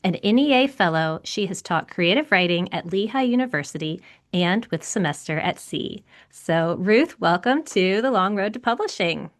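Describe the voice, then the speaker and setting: A woman's voice: lowish voice, lively intonation, normal speed, few pauses. A woman hosting a podcast about publishing, introducing her guest and asking questions with chatty enthusiasm. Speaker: podcast host. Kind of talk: podcast interview.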